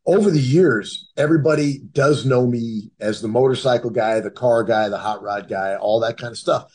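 A man's voice: medium pitch, moderate pace, a little mellow, husky. A middle-aged man from the Cleveland and Detroit area, telling his own story in a casual, rambling way with many restarts.

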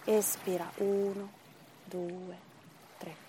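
Slow-paced woman guiding breathing meditation. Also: lowish voice, flat delivery, warm tone, slight background noise. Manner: measured, pausing between short phrases and counts. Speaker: guided breathing meditation instructor. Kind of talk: guided meditation, counted breathing instruction.

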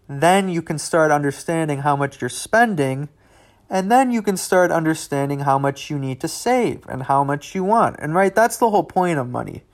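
A young man hosting a podcast in a casual, rambling, conversational way, full of asides. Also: on the high side. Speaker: podcast host. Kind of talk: casual solo podcast talk.

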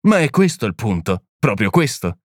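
A man reading the part of a small, gentle priest-detective who explains things calmly and patiently. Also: fairly low pitch, normal speed, dry recording, studio quality. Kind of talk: audiobook reading.

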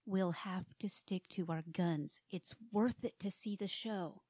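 An actress voicing a wife on vacation with an expressive delivery. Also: female voice, medium pitch, measured pace, a little hiss or hum, close to an everyday voice.

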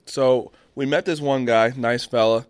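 A man's voice: mid-range voice, steady tone, a little slow, clean tone, dry recording. A young man hosting a casual chat, telling a story in a rambling way and swearing freely. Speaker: podcast host.

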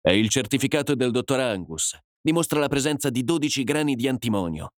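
A man's voice: medium pitch, expressive, brisk, no echo, studio quality, pitched above the performer's own voice, lightly acted. A man voicing a stern, betrayed husband in his thirties, grave and accusing.

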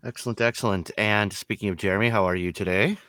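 Chatty bright-voiced male podcast host. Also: on the low side, fairly even intonation, quick pace, dry recording, clean studio sound. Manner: chatty, laughs often, restarts sentences. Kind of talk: casual group chat.

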